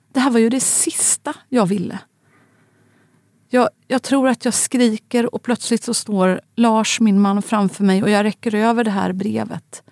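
A woman in her forties narrating a personal story in a quiet, halting, grave way. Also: a little high, creaky, no echo.

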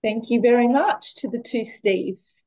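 A woman in her fifties with an Australian accent, a guest on a podcast telling stories from her life in a relaxed, chatty way with fillers. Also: on the high side, measured pace, highs cut off. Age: 50s. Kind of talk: casual interview chat.

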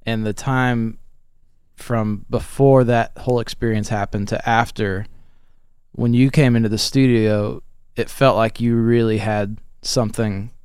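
A man interviewing a friend, with a smooth, resonant voice pitched on the low side. He speaks thoughtfully and a little haltingly, in a dry, close recording. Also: steady tone, a little mellow, dry recording. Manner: thoughtful, slightly halting questions. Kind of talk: conversational interview.

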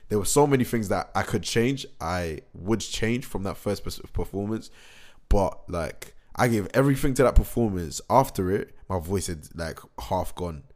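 A young man chats through a vlog in a low voice. He rambles and restarts, full of excitement, with a slight hoarseness from a recent cold. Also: moderate pace. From England. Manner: excitable, rambling, slangy, many fillers and restarts. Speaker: musician. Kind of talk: casual vlog recap.

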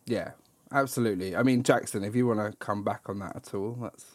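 Hesitant low-voiced man hosting film chat. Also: brisk, no echo. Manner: hesitant, many fillers and restarts. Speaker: podcast host. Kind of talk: casual film discussion.

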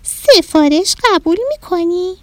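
Whiny, tearful little rabbit pupil. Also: female voice, very high voice, expressive, a little mellow, dry recording, voice pushed up. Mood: pleading. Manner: whiny, pleading. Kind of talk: storybook narration.

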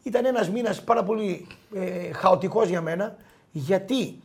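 A middle-aged man telling anecdotes in a casual chat, animated, quoting people and laughing often. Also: high voice, vocal fry. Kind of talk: casual storytelling.

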